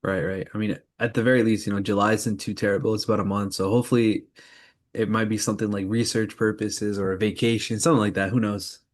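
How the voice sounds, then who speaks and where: A man with a lowish voice co-hosts a podcast, leading a casual anime news roundup at a quick pace. His tone stays level, and he speaks informally while steering the segments.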